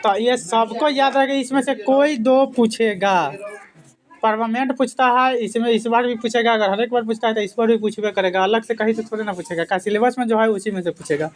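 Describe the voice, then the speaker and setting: A man's voice: very high-pitched, fairly even intonation, a little fast. A male teacher giving an exam-prep grammar lesson, quizzing listeners with repeated questions and then answering them himself. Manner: repetitive, drilling delivery.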